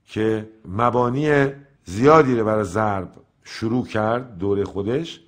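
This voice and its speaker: Older man counting and vocalizing rhythms. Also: medium pitch. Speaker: music teacher. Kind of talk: lecture on Persian rhythm.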